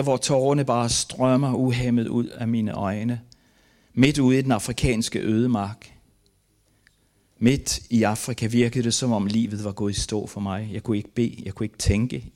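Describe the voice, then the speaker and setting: An older man from Denmark reads aloud from his own memoir at a testimony, his voice neither high nor low. He speaks earnestly and haltingly, each phrase weighed down by grief. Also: steady tone, darkish tone. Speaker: missionary giving a testimony.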